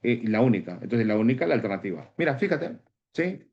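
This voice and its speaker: Peruvian male teacher, mid pitch, animated online class, dull lo-fi audio. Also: a little fast. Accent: Peruvian Spanish. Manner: lively, plays both student and teacher in dialogue. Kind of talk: online exam-prep class.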